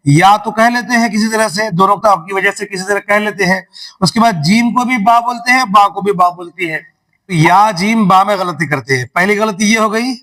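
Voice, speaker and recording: A man's voice: sits high, sharp tone, low-quality recording. A male teacher giving a reading lesson to children, asking questions back and drawing out each syllable when he models it. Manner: repetitive call-and-response drilling. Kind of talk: classroom lesson.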